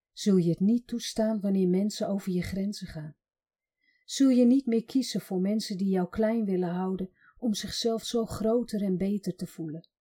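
Dark, breathy woman narrating calmly. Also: medium pitch. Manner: calm, measured and direct. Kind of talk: scripted storytelling narration.

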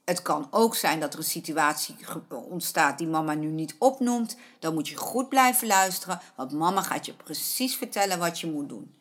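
A middle-aged woman speaks to parents about their children and ponies in a slightly low voice. She is earnest and keeps returning to the same points. Her tone is that of a patient riding coach. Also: expressive, moderate pace, hardly any pauses. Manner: earnest, repeats points, acts out a panicking child's voice. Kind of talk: spoken advice to parents.

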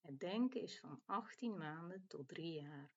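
Slow, expressive woman storyteller. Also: fairly low pitch, highs cut off. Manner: gentle, expressive reading. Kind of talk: reading a children's story aloud.

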